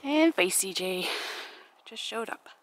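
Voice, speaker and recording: Filming in snowy woods, a birdwatching vlogger talks casually and affectionately to wild birds, as if to pets. Her medium-pitched voice is expressive and slow, and the outdoor camera audio picks up background noise.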